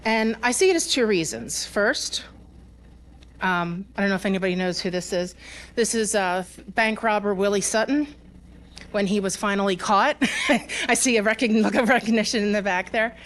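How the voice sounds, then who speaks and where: A woman's voice: mid-range voice, normal speed, fairly bright tone. Woman giving a conversational conference talk. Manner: conversational, with frequent fillers and restarts; laughs between points, engages the audience. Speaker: conference speaker. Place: conference hall with a live audience.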